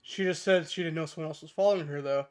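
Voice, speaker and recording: A young man with a fairly high voice runs a tabletop game. He narrates casually, laughs often and trips over his words as he goes. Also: fast talker. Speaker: game master.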